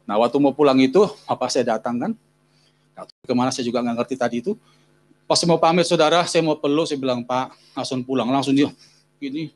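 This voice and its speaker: A man from Medan with a Medan Indonesian accent, preaching and telling a personal story while he keeps addressing the congregation directly. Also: fairly high pitch. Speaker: pastor. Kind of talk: sermon with a personal testimony.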